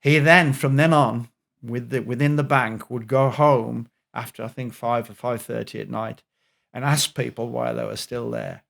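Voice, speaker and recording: A middle-aged man, a health expert guest on a podcast, telling an animated anecdote. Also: medium pitch, normal speed, creaky. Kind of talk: storytelling in a podcast interview.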